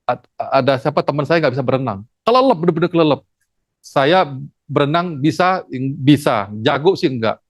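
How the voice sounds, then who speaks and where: A theology lecturer giving a lively classroom lecture, acting out stories and asking the class questions. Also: mid-range voice, no room sound. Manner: animated, acts out stories, asks the class questions.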